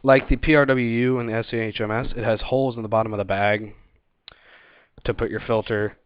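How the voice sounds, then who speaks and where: A man's voice: medium pitch, fairly even intonation, brisk, clear, resonant tone, no echo. A man giving a casual, unscripted product review in an informal, hesitant manner, recorded on a webcam setup. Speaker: gear reviewer presenting a video. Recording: dull lo-fi webcam audio.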